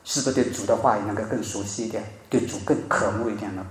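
A man preaching a sermon, telling a story with emphatic rises and soft drops in his voice. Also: fairly low pitch, steady tone, fast. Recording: very echoey room.

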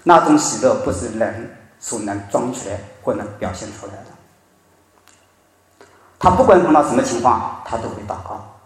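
A man preaching a sermon, telling a story with emphatic rises and soft drops in his voice. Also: mid-range voice. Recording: very echoey room.

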